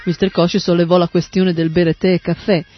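A man narrating an audiobook in a steady, even read-aloud manner, in a dull lo-fi recording with faint music. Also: high voice, brisk.

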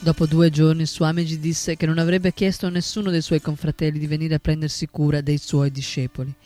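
A man narrating a biography in a steady, solemn scripted reading. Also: on the high side, fairly quick. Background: faint instrumental music.

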